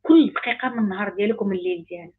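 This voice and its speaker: A woman's voice: mid-range voice, fast, slightly rough. A woman with a Moroccan accent, a life coach giving an emphatic online talk full of repeated phrases. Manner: emphatic, repetitive, rising intensity. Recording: tinny phone-like sound.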